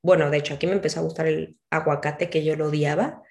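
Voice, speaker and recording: A woman's voice: low voice, quick pace, vocal fry. Chatty Mexican woman telling stories. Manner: animated storytelling, voices her own and others' quoted lines. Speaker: interview guest. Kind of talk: casual conversational interview.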